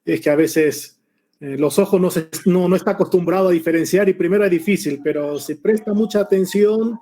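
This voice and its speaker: In his forties, this Korean-born man grew up in Argentina and speaks Spanish with an accent blending Argentine and Mexican traits. His voice is high-pitched and brisk as he teaches a Bible lesson over video call, relaxed and chatty, hesitating often.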